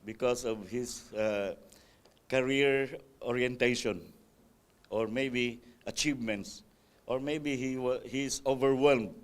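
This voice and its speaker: This Sabbath school speaker has a medium-pitched, steady voice and talks slowly. He reads a text aloud to the church class, tossing in spontaneous remarks and "right?" checks, sometimes hesitating or starting a sentence over.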